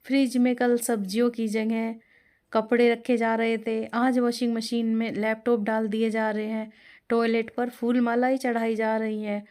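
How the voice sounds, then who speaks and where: A woman's voice: on the high side, level tone, a little slow, a little mellow, close to an everyday voice. A woman voicing an exasperated middle-aged mother-in-law who scolds in exclamatory complaints.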